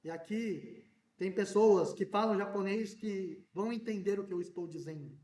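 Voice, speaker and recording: Preaching at a normal speed, a pastor with an unusually high male voice brings animated energy, sometimes close to shouting. He's recorded from a distance, standing some way from the mic, and the church hall echoes around him.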